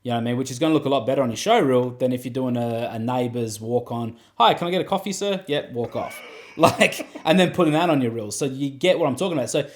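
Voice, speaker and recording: A man's voice: mid-range voice, steady tone, fast talker, slight background noise. A man, an acting coach, chatting casually and rambling with lots of "you know what I mean.". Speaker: acting coach and podcast host. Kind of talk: casual advice chat.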